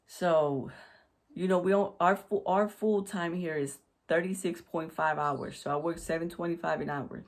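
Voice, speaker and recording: Lower-voiced woman telling a story emphatically. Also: steady tone, moderate pace. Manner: emphatic, repetitive retelling with many restarts. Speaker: vlogger. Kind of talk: casual storytelling to camera. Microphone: USB desk microphone.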